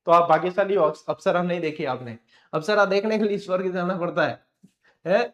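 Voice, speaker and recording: A man's voice: sits high, a little fast, dull audio. A male teacher giving an exam-prep lecture, asking the class questions and answering them himself, with frank, scolding advice.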